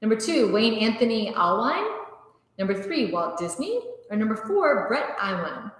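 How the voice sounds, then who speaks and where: Casual woman trivia host, talkative, recorded in a boomy, reverberant room. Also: sing-song, normal speed. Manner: chatty, reads quiz questions aloud. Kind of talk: casual livestream chat. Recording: very echoey room with long reverb.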